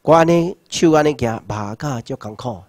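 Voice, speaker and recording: A man's voice: medium pitch, animated, normal speed. 60s taiwanese guy giving a heated political lecture, raises his voice a lot, dry sound, no room echo. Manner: impassioned, full of rhetorical questions, shouts slogans. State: numb hands and feet. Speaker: seminar lecturer.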